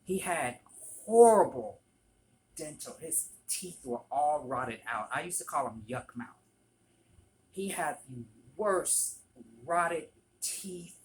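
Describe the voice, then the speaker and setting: A vlogger telling a work story in an animated, profane storytime manner. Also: medium pitch, takes it slowly, slight background noise. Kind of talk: storytime vlog.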